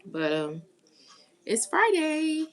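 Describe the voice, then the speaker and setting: A woman's voice: high-pitched, wildly swooping pitch, very slow. A woman from the United States hosting a tarot live stream, chatting casually and greeting viewers as she reads their comments. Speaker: tarot reader.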